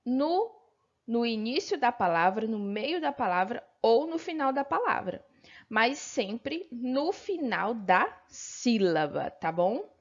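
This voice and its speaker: A woman's voice: fairly high pitch, very animated. Patient Brazilian woman teacher, lo-fi. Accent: Brazilian Portuguese. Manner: patient, explains slowly, frequent "tá bom?" check-ins. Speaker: primary school teacher. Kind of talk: remote textbook lesson.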